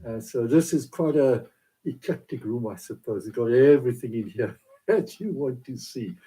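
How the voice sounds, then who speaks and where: This is a South African man, first language Afrikaans, delivering a devotional talk to his laptop camera from a small home office. His mid-range voice is mellow and animated, but he rambles and halts with many fillers. The recording is low quality.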